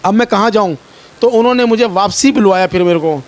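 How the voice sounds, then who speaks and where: A Pakistani man tells a reporter about his ordeal, distressed and pleading and often repeating himself. His voice sits high and a little mellow, and he talks at a quick pace.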